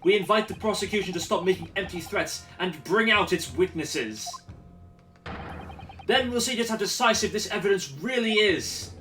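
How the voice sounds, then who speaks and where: A man's voice: high voice, animated, moderate pace, pushed and bright, faint music behind, voice pushed up. Man reading as earnest young defense lawyer. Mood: determined.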